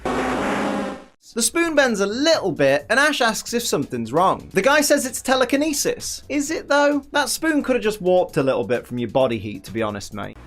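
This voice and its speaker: A man's voice: sits high, sing-song, moderate pace, fairly bright tone. A man giving dry, sarcastic commentary on a cartoon episode. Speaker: commentary host.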